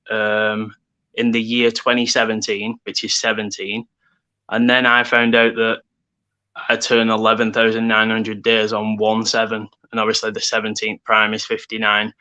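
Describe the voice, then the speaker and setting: A man in his thirties in casual chat, rambling excitedly about number connections. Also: lowish voice, measured pace, poor audio. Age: 30s.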